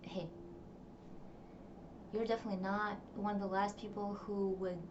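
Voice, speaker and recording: She's a young Russian-speaking vlogger talking to camera in a loose, reflective diary entry, heavy on fillers. Her mid-range voice is flat and moves at normal speed, captured in a distant, dull, noisy home recording.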